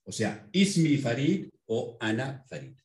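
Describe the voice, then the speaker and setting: A man teaching a language in an interview, patiently explaining and spelling out words slowly. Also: mid-range voice, sing-song, echoey room, noisy background. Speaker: Arabic language instructor.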